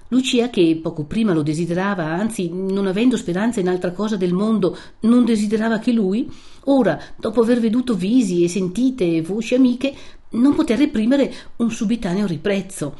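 A woman narrating a literary audiobook in a measured, expressive way. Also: mid-range voice.

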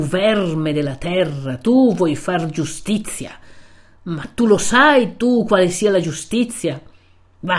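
A woman's voice: lowish voice, a little mellow, close to an everyday voice. A woman voicing a stern, righteous old male friar who rebukes a young man, solemn and grave.

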